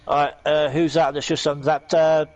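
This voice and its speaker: A man's voice: a little high, flat delivery, fairly quick, darkish tone, dull audio. A man hosting a league stream in casual, matey, informal chat.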